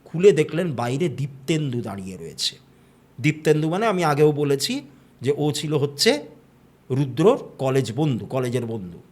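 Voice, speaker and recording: A man tells a ghost story in a loose, chatty way, circling back with fillers as he goes. His voice sits a little higher than most men's. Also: sing-song, normal speed, darkish tone. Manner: conversational, with fillers and brief quoted dialogue. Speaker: horror storyteller. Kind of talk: casual spoken storytelling.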